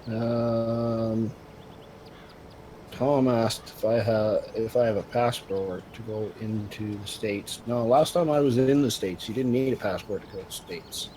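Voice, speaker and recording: Man, very slow pace, mellow dark voice, hesitant, answering chat, faint noise. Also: lowish voice, fairly even intonation. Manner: slow, hesitant, many ums. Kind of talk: casual stream chat.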